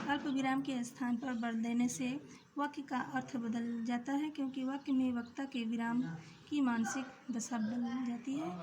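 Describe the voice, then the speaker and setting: A woman teacher explaining a grammar lesson to school students in a clear, explanatory way, reading out example sentences. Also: high-pitched, a little mellow, poor audio.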